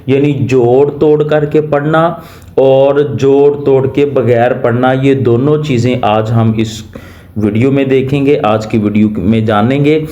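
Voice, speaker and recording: A male Quran reading teacher with a mid-range voice. He spells out each syllable slowly and then breaks into quick explanations. His voice rings with the echo of a bare room. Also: mid-range voice, steady tone, warm tone, lo-fi sound. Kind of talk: step-by-step recitation lesson.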